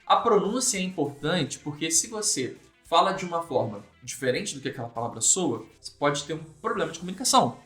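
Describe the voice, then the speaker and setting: A man with a Brazilian accent teaching English at a whiteboard in an energetic video lesson, talking in a lively, animated way. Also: a little high, fairly quick, few pauses. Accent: Brazilian Portuguese. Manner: lively, animated, voices mock student questions. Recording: echoey room with faint music.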